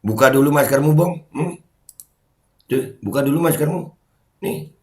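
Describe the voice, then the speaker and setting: A middle-aged man, heated and mocking, ranting as a commentary YouTuber and shouting when angry. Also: on the high side, a little slow.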